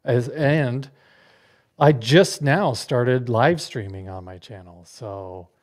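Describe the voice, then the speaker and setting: A man co-hosting a laid-back podcast, chatting with listeners in a friendly, rambling way. He slips small laughs into his sentences. His pitch sits in an ordinary middle range. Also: slow. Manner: chatty, laughs between words. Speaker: podcast co-host. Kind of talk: casual podcast chat.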